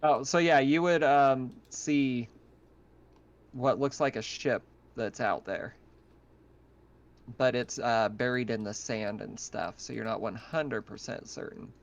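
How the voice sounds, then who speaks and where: Over an online voice call, a man acting as game master for a tabletop game narrates casually. He has a medium pitch and a slow pace, and the voice-chat audio is dull and lo-fi.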